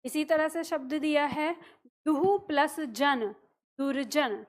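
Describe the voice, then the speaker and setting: A woman with a high-pitched voice teaches a grammar lesson in a classroom. She works through examples patiently, posing a question and then answering it herself. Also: slow pace.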